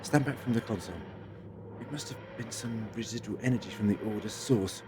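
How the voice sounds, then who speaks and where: A man's voice: lowish voice, fairly quick, noisy background, close to an everyday voice. A man playing a flippant, clever time-traveller in an audio drama, talking in a wry, wordy, theatrically polite way. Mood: calm, concerned. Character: flippant, clever, fearless time-travelling male adventurer, the Doctor.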